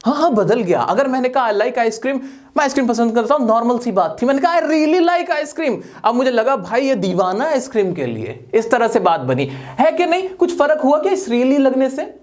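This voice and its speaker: A man teaching a grammar lesson who keeps asking questions and answering them himself. He joins in with playful jokes for his students and draws out his example sentences slowly. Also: very high voice, sing-song, darkish tone.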